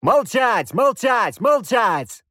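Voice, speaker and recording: A man's voice: medium pitch, lively intonation, measured pace, no room sound, clean studio sound, close to an everyday voice. A man doing a snarling nonhuman hero. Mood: furious. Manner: shouting, snarling. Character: irritable nonhuman male hero with six arms.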